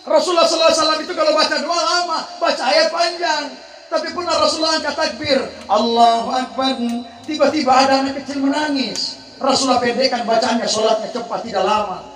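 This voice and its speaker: A man with a notably high voice delivers a lively, humorous sermon, teasing his congregation and pulling them into call-and-response. He breaks into slow, melodic Quran chanting now and then. The sound is roomy and echoey, as from a PA in a large hall. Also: slight background noise. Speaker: preacher.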